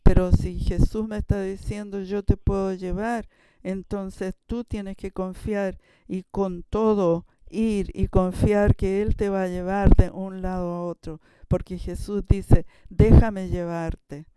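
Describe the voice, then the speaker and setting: Preacher, sermon, very smooth tone, flat pitch, halting restarts. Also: no echo. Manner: halting, with frequent restarts and sudden swings in loudness. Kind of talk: sermon storytelling.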